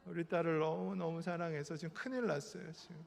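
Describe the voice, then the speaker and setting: A man in his fifties delivers an impassioned sermon in a fairly high voice, carried by the long ringing reverb of a church sanctuary. He drops to near-hushed lines and then climbs back into loud repeated phrases. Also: fairly even intonation, fast talker, gravelly. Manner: impassioned preaching, swinging between soft and loud; emphatic repetition. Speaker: pastor and counseling professor.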